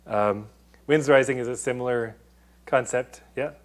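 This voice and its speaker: In a lecture room, a man with a mid-range voice gives an unhurried academic presentation on data confidentiality. He explains things step by step but restarts often and leans heavily on fillers.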